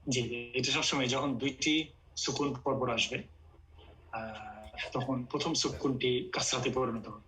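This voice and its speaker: Man, bright clear tone, patient teacher, step-by-step explanations, online class. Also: mid-range voice, steady tone, measured pace, slight background noise, low-quality recording. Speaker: Quran Arabic teacher.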